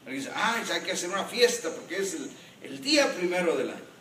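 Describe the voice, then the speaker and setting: A man, a pastor, preaching a sermon in an animated way and joking with the congregation. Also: high voice, fairly quick, a little hiss or hum. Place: church. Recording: echoey church hall from a distance.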